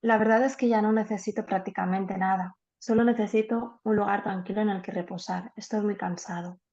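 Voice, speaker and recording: A woman's voice: mid-range voice, fairly even intonation, fairly quick, a little mellow, dull audio, close to an everyday voice. A woman voicing a boy who grows into a tired old man in a storybook reading. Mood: weary.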